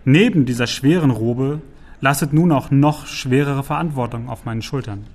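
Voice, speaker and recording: A man's voice: mid-range voice, normal speed, darkish tone, lightly acted. A man voicing a jovial, vain middle-aged male envoy who teases his friend in a worldly way. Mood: teasing. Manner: teasing, worldly, talkative. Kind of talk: audiobook character voice.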